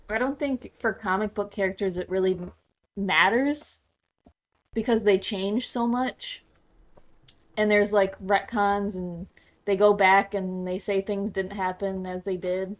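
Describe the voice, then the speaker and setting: Woman, podcast co-host, casual chat, thoughtful, conversational, occasional stumbles. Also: medium pitch.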